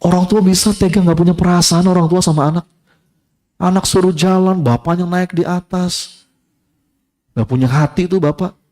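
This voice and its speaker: A man giving a casual sermon to a live audience, lively, acting out voices in his story and repeating key phrases. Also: high-pitched, normal speed, pauses often. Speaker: preacher.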